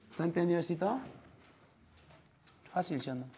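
Gravelly Peruvian math teacher quizzing students. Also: male voice, a little high, moderate pace, mellow, a little hiss or hum. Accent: Peruvian Spanish. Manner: quizzes students constantly, calling them "joven". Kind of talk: classroom math lecture. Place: classroom.

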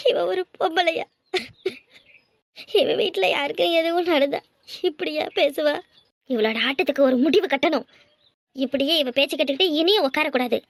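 A woman's voice: sits high, fairly bright tone, dry recording, studio quality. A woman with a southern Tamil Nadu accent voicing an anxious older village mother who pleads and laments. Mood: indignant. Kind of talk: cartoon voice acting.

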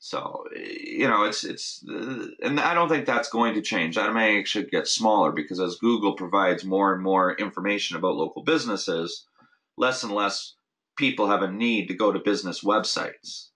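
On a recorded member call, a man hosts a weekly marketing update, speaking off the cuff at a moderate pace in a lowish, sharp voice. He often restarts sentences and leans on fillers like "you know."

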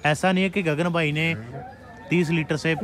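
A man hosting a farming channel at an outdoor cattle market, asking about cows and addressing farmers in a plain, steady way. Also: on the high side, normal speed, very noisy. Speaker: channel host. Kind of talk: presenting cattle rates to farmers.

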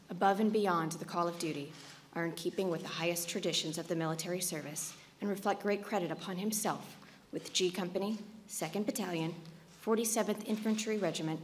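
An American woman reading a formal scripted citation as a military officer, precise and official, at a lectern microphone in a large hall. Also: lowish voice. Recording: background noise of a live hall.

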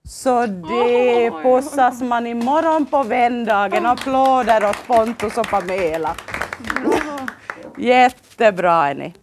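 A woman's voice: on the high side, crowd noise. A woman with a Finland Swedish accent hosting a children's TV show, coaxing the kids with cheerful, sing-song questions. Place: local TV studio.

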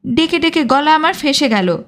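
A woman's voice: high-pitched, animated, normal speed, a bit bright, voice pushed up. Woman voicing a blustering village rent collector's man. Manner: blustering, pleading by turns.

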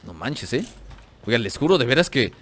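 A man with a Mexican accent giving excited, slangy commentary over his gameplay, joking, cursing playfully and talking straight to his viewers. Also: mid-range voice, moderate pace, slight background noise. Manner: excitable, slangy, jokes and teases the enemies, talks straight to viewers. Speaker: gaming channel host. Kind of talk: let's play gameplay commentary.

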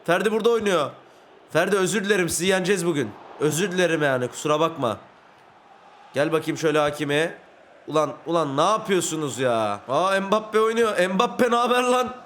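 A young man with a fairly high voice talks non-stop over a football match he is playing, cheering and ranting at the players on screen. He flares into shouts and swears at every miss. Faint game ambience hums behind him. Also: fairly quick, a little hiss or hum. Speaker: gaming channel host. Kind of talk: live gameplay commentary.

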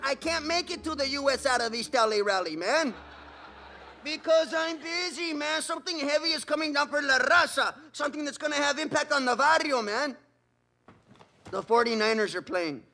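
A man's voice: very high-pitched, moderate pace, pushed and bright, faint music behind, exaggerated voice. A man playing a laid-back barrio guy talking his way out of a rally with an easygoing slangy drawl. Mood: evasive. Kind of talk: comedy sketch acting.

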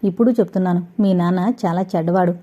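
Woman doing a cocky young guy who teases his girl, mellow low-key voice, kinda dull lo-fi sound. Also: fairly even intonation, fast, natural voice. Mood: teasing. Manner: playful, self-assured, teasing. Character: bold young man, teasing, fearless lover. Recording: dull lo-fi audio.

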